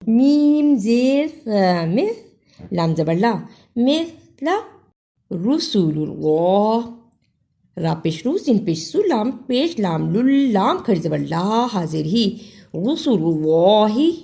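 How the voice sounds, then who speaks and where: A woman teaching Quran recitation rules. She spells out letters and vowel marks slowly, then explains them quickly. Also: medium pitch, very animated, creaky, warm tone. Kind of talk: tajweed lesson with slow recitation.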